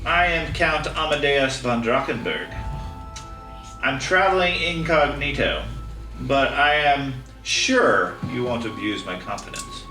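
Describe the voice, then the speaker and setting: A man's voice: mid-range voice, animated, measured pace, pushed and bright. A man voicing a smug, pompous nobleman in a tabletop game, in the manner of a mustache-twirling villain. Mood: smug, formal. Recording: roomy, distant mic, faint music.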